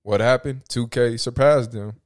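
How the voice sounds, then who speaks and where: A man's voice: mid-range voice, steady tone, moderate pace, dry recording, clean studio sound. A young man co-hosting a sports podcast, casual and joking. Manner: laid-back, joking, slangy. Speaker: podcast co-host.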